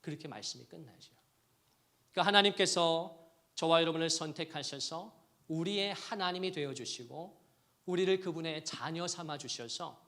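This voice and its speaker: Middle-aged male pastor, sermon delivery, bright and slightly high, hushed-to-forceful dynamics. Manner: swings between hushed quoting and loud emphatic preaching.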